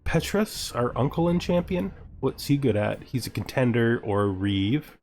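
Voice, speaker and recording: A gaming video host offers casual, jokey let's-play commentary on a strategy game, thinking aloud and often questioning himself. His voice is medium-pitched and darkish, animated, at a normal speed. Background music plays beneath him.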